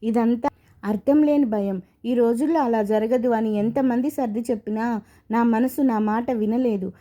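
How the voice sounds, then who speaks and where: A woman voicing a grieving young married man haunted by his past, told slowly and from the heart. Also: a little high, dark tone, close to an everyday voice.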